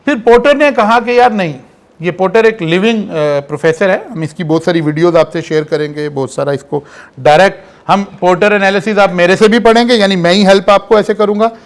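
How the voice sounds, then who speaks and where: High-voiced male lecturer. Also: fairly quick. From Pakistan. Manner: explanatory, checks in with rhetorical questions. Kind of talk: online classroom lecture.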